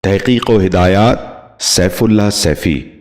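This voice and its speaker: A man giving a scripted pronunciation lesson, speaking slowly and formally and repeating each word with care. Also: deep voice. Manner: formal courteous address. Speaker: Urdu pronunciation teacher.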